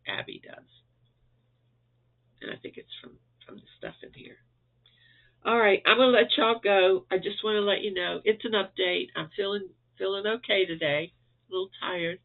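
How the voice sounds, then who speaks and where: Here a Florida man with a high, gravelly voice keeps his intonation fairly even and his pace moderate. Stuffed up and nearly voiceless, the crochet vlogger chuckles often while rambling through a chatty update for viewers at home indoors. The recording has a tinny, phone-style quality.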